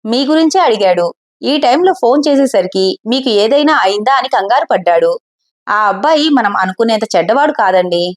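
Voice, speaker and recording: A woman voicing a gentle older mother on pilgrimage who coaxes her husband softly and gives calm advice. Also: fairly high pitch, a little fast, close to an everyday voice. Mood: coaxing. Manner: soft, soothing, coaxing.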